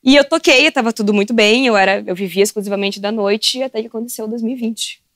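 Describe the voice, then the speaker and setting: A woman, an animated guest telling stories on a podcast and laughing often. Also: fairly high pitch, quick pace, no echo, studio quality. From southern Brazil. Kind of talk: casual podcast chat.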